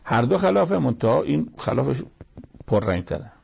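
A man giving a verse-by-verse scripture commentary in short measured phrases, retelling the dialogue of the story. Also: medium pitch, big pitch swings, gravelly, a little mellow, a little hiss or hum. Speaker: Quran commentator. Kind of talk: religious lesson, verse-by-verse commentary.

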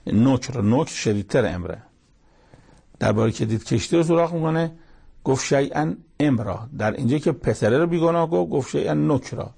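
A man giving a verse-by-verse scripture commentary in short measured phrases, retelling the dialogue of the story. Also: mid-range voice, animated, gravelly, mellow, breathy edge. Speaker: Quran commentator. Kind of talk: religious lesson, verse-by-verse commentary.

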